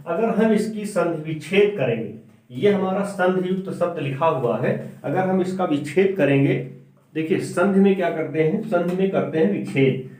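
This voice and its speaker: A man teaching a grammar lesson, slowly asking each question and then answering it himself, dropping his voice on the key sounds. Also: darkish tone. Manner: drags out and drops pitch on key sounds. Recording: echoey room, far from the mic.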